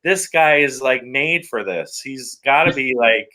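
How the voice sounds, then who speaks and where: A man's voice: mid-range voice, animated, unhurried, bright, forceful tone. A man chatting casually on a live show in a teasing, talkative manner.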